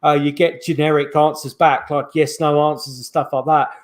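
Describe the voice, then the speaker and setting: A man's voice: fairly high pitch, level tone, normal speed. A middle-aged man, a guest paranormal investigator, telling stories in a rambling way, full of restarts and fillers, over a video call. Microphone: video call microphone.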